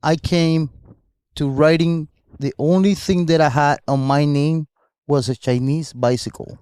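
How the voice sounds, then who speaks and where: A man's voice: on the high side, fairly even intonation, unhurried, darkish tone, smooth, no echo, studio quality. Earnest motivational man. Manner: earnest, motivational, searching for words. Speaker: podcast co-host. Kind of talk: casual podcast chat.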